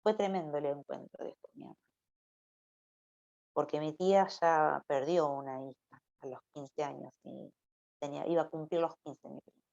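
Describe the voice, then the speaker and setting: A woman preaches an informal Bible sermon to church youth, chatting with them and frequently tagging her lines with a questioning "no?". Her low voice is mellow and creaky, with a steady tone at normal speed. It's captured on a dull, lo-fi recording.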